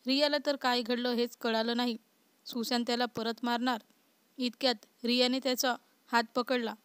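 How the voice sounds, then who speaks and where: Woman reading a story aloud, kinda high voice, dry close sound. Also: level tone, normal speed, a bit bright, clean tone, no echo. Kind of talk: scripted story narration.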